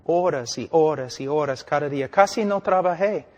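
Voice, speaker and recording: A man preaching a sermon, emphatic and full of rhetorical questions, his voice swinging between loud and hushed. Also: a little high, normal speed. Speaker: pastor and missionary preacher. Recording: long reverb of a large hall.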